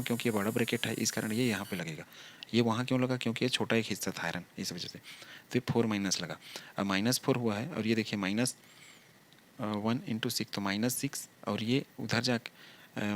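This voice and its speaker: Low-voiced man teaching step by step. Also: a bit bright, a little hiss or hum. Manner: explains step by step, quizzing with rhetorical questions. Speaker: chemistry teacher. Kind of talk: classroom lecture.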